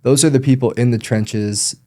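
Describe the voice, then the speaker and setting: A man who works as a loan officer, explaining things in a relaxed podcast chat with frequent ums. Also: mid-range voice, moderate pace.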